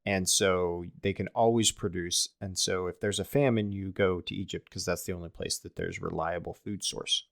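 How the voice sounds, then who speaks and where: A man's voice: deep voice, fairly even intonation, normal speed, hardly any pauses, fairly bright tone. A man co-hosting a casual scripture discussion podcast, talking thoughtfully and often restarting and repeating words as he works through a point. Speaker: podcast co-host.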